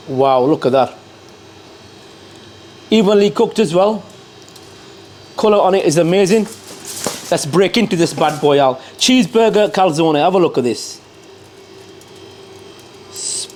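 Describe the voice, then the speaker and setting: A man's voice: on the high side, a little mellow. A man giving a casual food review to camera, talking between bites and chatting to his cameraman. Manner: repeats catchphrases and addresses the cameraman. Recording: clear background noise.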